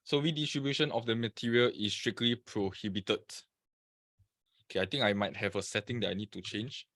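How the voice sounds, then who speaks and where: A man's voice: fairly low pitch, fairly even intonation, fairly quick, a bit bright, no room sound, studio quality. A man from Singapore presenting a live trading webinar, chatting and greeting viewers by name over a computer mic.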